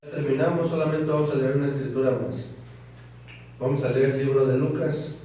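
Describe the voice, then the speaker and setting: A man's voice: medium pitch, steady tone, a little fast, mellow, slight background noise. A man preaching a sermon, reading scripture aloud and explaining it to the congregation. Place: church hall. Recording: very echoey hall, from far off.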